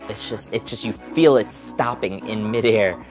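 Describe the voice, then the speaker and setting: A man hosting a science vlog, demonstrating a toy with excited, emphatic exclamations. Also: on the low side, measured pace, music in the background. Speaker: host. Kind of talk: enthusiastic product demo vlog.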